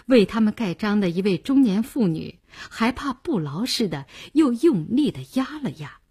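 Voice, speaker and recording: Husky woman reading a novel. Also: medium pitch, very animated, normal speed, warm tone. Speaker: audiobook narrator. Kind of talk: scripted novel narration.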